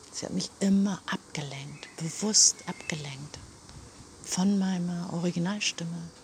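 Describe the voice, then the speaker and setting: A woman speaking in a personal, reflective monologue, often dropping into a soft half-whisper and talking straight to the listener. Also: low-pitched, a little hiss or hum. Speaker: self-help speaker.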